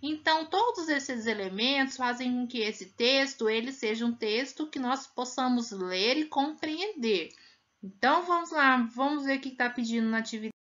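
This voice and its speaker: Bright-voiced teacher woman, muffled recording. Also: sits high. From Brazil. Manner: patient, sounds out words slowly to demonstrate. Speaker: primary school teacher. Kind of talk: recorded classroom lesson. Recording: muffled lo-fi sound.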